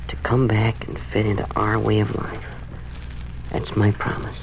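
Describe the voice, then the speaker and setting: An actor playing a tender, resolute young navy lieutenant in 1940s radio drama, hushed and gentle. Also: male voice, fairly low pitch, completely flat delivery, normal speed, vocal fry. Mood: tender promise. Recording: muffled 1940s radio, hissy rain-like noise.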